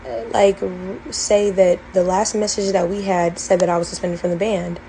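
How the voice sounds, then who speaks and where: A woman's voice: mid-range voice, flat delivery, normal speed, dark tone, a little hiss or hum, poor audio. A young woman earnestly recounting her college experience in a storytime vlog, detailed and full of fillers. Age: young adult. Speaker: former college band member telling her story.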